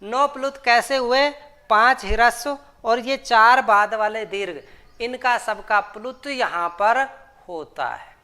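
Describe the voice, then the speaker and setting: A woman's voice: on the high side, takes it slowly, pushed and bright. A woman teaching a Sanskrit grammar lesson, patiently explaining terms and repeating each rule. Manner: patient, repeats terms and sutras, asks and answers her own questions.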